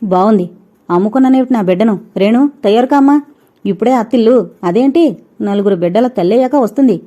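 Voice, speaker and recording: A woman voicing a proud, domineering middle-aged mother who scolds loudly, on a dull lo-fi recording. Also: medium pitch, fast talker, natural voice. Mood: scolding. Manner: loud scolding.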